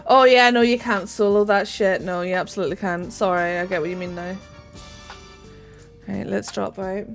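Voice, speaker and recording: A young woman streaming a game, chatting casually, swearing freely and squealing when excited. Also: medium pitch, normal speed, faint music behind. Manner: bubbly, swears freely, greets chat warmly. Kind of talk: casual gaming stream chat.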